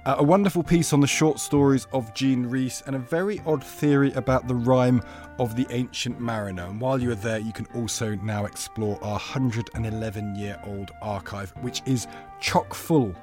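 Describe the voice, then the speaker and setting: A Northern English man hosts a literary podcast. His vowels are flat and provincial, and he talks in a casual, halting, self-deprecating manner. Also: mid-range voice, faint music behind. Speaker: podcast host.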